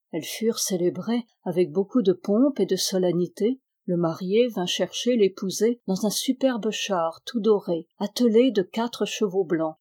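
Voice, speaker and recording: A woman calmly reading an old folk tale aloud as narrator. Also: mid-range voice. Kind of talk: storybook reading.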